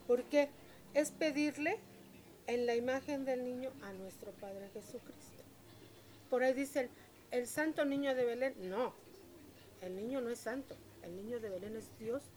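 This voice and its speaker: A woman, telling stories in a lively, chatty and devout way during an interview. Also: a little high, measured pace. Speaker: interviewee, local shop owner. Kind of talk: casual storytelling interview. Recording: street crowd noise behind.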